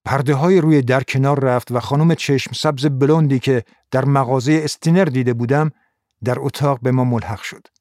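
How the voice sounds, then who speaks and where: A man's voice: medium pitch, no room sound, clean studio sound. Man narrating a noir audiobook. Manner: steady, measured first-person reading.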